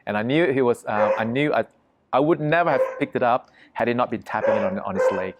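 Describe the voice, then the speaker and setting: A man's voice: mid-range voice, quick pace, heavy background noise. A man as an interview guest, telling a vivid story emphatically and swearing freely.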